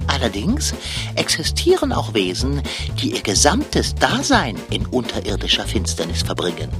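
A woman's voice: extremely low pitch, huge pitch swings, normal speed, full character voice. A woman doing a prim know-it-all little creature. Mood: lecturing. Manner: lecturing, prim and formal. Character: small pompous know-it-all male creature. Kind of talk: children's audio drama. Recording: music playing underneath.

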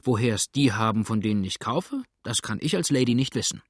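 A male reader voicing an indignant, chattering old widow with a shrill, scolding voice. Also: expressive, brisk, husky, no room sound, studio quality. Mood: huffy.

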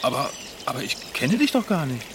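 A man's voice: medium pitch, big pitch swings, brisk, background noise, close to an everyday voice. An actor playing a confused man with no memory who stammers and giggles nervously, in a children's radio play. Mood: bewildered. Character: bewildered man with no memory, bike mechanic. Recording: outdoor nature ambience behind.

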